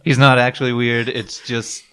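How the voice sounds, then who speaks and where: A man's voice: medium pitch, flat delivery, moderate pace, sharp tone, smooth. A man co-hosting a casual podcast, trading dry, easygoing jokes. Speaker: podcast co-host.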